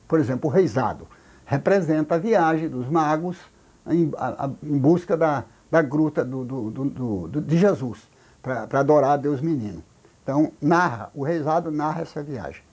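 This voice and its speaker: An older man from Brazil with a Brazilian Portuguese accent, a folklorist explaining things slowly in an interview, halting with many repeated words and restarts. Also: fairly high pitch, expressive, darkish tone, breathy edge. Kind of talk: recorded oral history interview.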